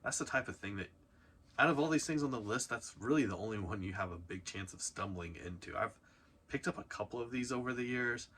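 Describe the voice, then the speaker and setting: Speaking a little fast, this man runs a reselling channel and delivers countdown commentary straight to camera in a relaxed, punchy style. His pitch is fairly low and his tone pushed and bright. A little hiss or hum can be heard.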